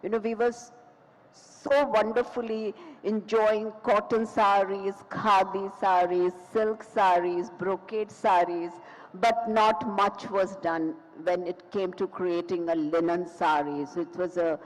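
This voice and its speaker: A woman's voice: mid-range voice, steady tone, unhurried. A woman from India moderating a conference panel, introducing speakers with expansive enthusiasm. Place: conference hall stage. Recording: long reverb of a large hall.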